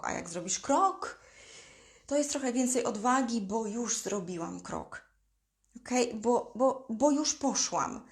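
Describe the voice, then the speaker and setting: A woman giving a live motivational talk as a coach, speaking directly to her listeners. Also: a little high. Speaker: life coach.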